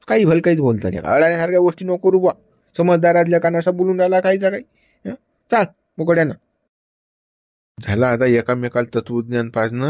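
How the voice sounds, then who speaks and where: A man lectures and chides in comic village banter, tossing in "hm?" to prod his listener. His voice sits a little high. The sound is dry and close. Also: a little mellow, no echo. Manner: lecturing, chiding, with frequent "hm?" prompts. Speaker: cartoon character voice.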